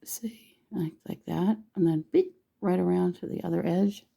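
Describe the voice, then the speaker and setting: A hoarse woman with a gravelly voice, chatting casually and teasing herself while she teaches a painting tutorial. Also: on the low side, fairly even intonation, moderate pace, dark tone. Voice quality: gravelly, husky voice. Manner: chatty, self-deprecating, thinks aloud while painting.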